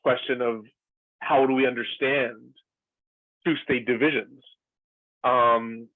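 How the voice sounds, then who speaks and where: His mid-range voice stays steady and slow as he discusses things thoughtfully and at length on a video call. He is a former lecturer from Israel, prone to fillers and restarts, and the earnest talk comes through tinny, dry audio with no room sound.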